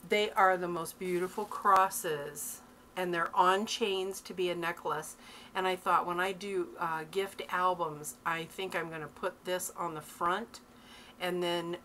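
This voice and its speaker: This is a middle-aged woman with a slightly low voice, chatting through a home craft video. She sounds eager and laughs easily. A faint hiss of room noise sits under her voice from the camera mic. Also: fairly even intonation, a little slow, sharp tone. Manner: chatty and enthusiastic, laughing often. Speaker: craft vlogger. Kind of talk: casual show-and-tell vlog.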